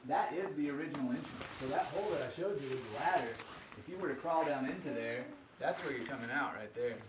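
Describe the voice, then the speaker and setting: A man's voice: medium pitch, expressive, quick pace, far from the mic. A man leads a tour as an echoing cave guide. His talk is folksy and explanatory, aimed straight at his listeners. The voice comes from off the mic, with long cave reflections and faint noise around it. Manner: folksy, addresses listeners directly. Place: inside a large cave.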